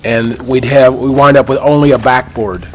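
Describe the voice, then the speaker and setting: A man's voice: medium pitch, steady tone, moderate pace. A man on the city council plainly explaining a decision to a resident at a meeting. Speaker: council member.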